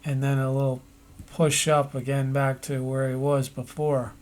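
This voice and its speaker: A man narrating an animation tutorial, thinking aloud as he works, with pauses and restarts. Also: mid-range voice, little pitch movement.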